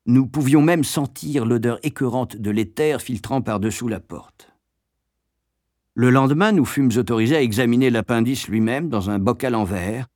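A man narrating a memoir as an audiobook, with expressive, lively storytelling. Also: medium pitch, moderate pace, no echo, clean studio sound.

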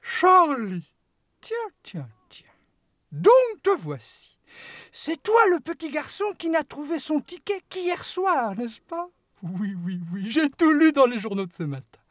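A sprightly little chocolate-maker, full of mischief and show, played by a woman. He gushes over every guest with wild swoops up and down, sitting a touch high in pitch. The storybook recording is close and dry. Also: very animated, unhurried, no room sound. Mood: welcoming. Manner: gushing, theatrical welcomes with sudden swoops in pitch. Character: small, lively, mischievous male chocolate-maker. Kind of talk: audiobook character voice.

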